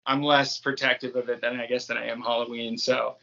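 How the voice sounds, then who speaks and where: Appearing as a guest on an interview, an American man from New England who makes podcasts rambles casually in a medium-pitched, creaky, bright, and forceful voice. He talks fairly quickly with little variation in pitch, and the audio sounds dull.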